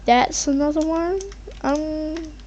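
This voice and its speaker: A woman's voice: high-pitched, steady tone, takes it slowly, a little mellow. A woman casually rambling over her gameplay as a channel host, hesitant and meandering as she thinks aloud. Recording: muffled mic with faint background noise, keyboard typing.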